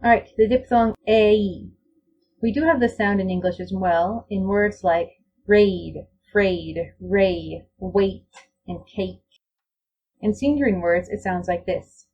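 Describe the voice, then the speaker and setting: Husky woman teaching pronunciation. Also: mid-range voice, lo-fi sound. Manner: reads out example words one by one, slow and deliberate. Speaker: language teacher. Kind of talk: slide-show lecture on pronunciation.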